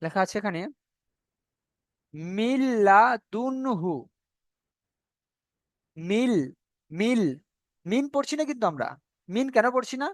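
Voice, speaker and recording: High-voiced man teaching Quran recitation. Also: animated, dry recording, clean studio sound. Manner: explains step by step, drawing out recited words slowly. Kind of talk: online tajweed lesson.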